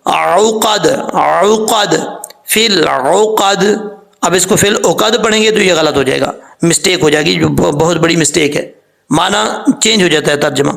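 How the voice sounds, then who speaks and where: A man teaching Quran recitation, explaining each rule and slowly drawing out the example words. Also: a little high, gravelly, a bit bright. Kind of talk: tajweed lesson.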